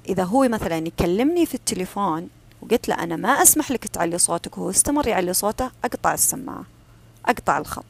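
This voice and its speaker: A woman giving a calm, firm advice talk. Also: mid-range voice, creaky. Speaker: self-help speaker. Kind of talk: advice talk on personal boundaries.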